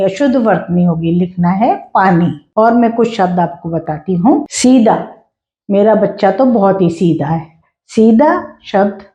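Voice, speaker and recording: A woman teaches a spelling lesson at an unhurried, careful pace, and she repeats each example word. Her voice is mellow and a little dark. The sound is roomy and somewhat dull, as in a plain lo-fi home recording. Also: fairly high pitch. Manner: slow, deliberate, repeats example words.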